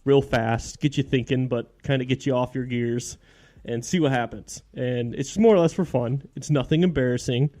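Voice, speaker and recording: A man's voice: medium pitch, normal speed, mellow. A man from Michigan hosting a casual podcast from his basement, laughing often and bantering with his guest. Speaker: podcast host. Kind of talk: casual chat. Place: home basement. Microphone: studio microphone.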